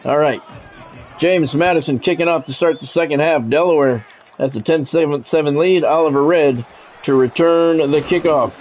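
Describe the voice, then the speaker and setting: Speaking at normal speed in a fairly high voice, a man gives play-by-play of a football video game on his stream. He mixes the sports commentary with blunt, grumbling chatter, and the recording sounds muffled.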